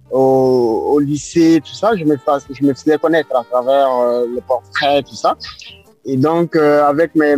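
A guest artist from Ivory Coast, a man in his forties with a slightly high voice, gives radio interview answers. He sounds hesitant, using many fillers and repeating words, while soft music plays faintly behind him.

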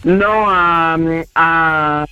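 A man's voice: on the high side, very slow, bright, forceful tone, lo-fi sound, soft background music. A young man, calling in to a radio quiz, laid-back and a little unsure of himself. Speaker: caller, quiz contestant.

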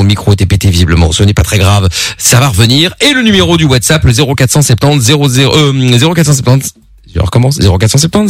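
A man hosting a live radio show, casually presenting like a game show host pitching a cash jackpot. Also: dry recording, clean studio sound. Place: radio studio.

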